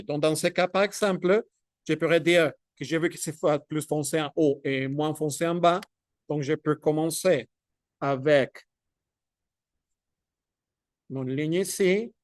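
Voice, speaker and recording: A man giving a hands-on drawing tutorial, talking in halting bits as he demonstrates and checking in with "ok?" as he goes. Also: on the high side, dry recording, studio quality. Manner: halting, thinks aloud while demonstrating; checks in with "ok?" often. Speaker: drawing instructor.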